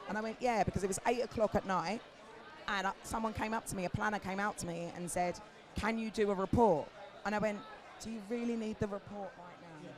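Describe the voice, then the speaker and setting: At a live outdoor festival, crowd audible in the background, a British woman in her forties who runs an agency speaks candidly on a panel. Her hoarse, almost lost voice is mid-range and fairly quick, and she's animated and chatty, swearing casually.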